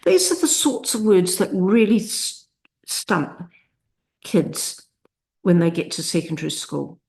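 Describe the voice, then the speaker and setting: A woman's voice: on the low side, very animated, creaky, darkish tone. A woman teaching literacy, narrating a lesson that breaks long words into parts and sounds out each piece with care. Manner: slow, deliberate, sounds out word parts. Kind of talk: instructional screencast narration.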